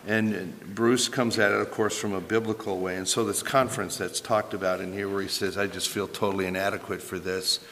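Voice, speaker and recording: Squeaky, thin-voiced male pastor in reverberant hall. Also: little pitch movement, brisk, hardly any pauses, a bit bright, slight background noise. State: sore, troubled throat. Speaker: pastor preaching to his congregation. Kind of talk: sermon. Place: large reverberant church hall.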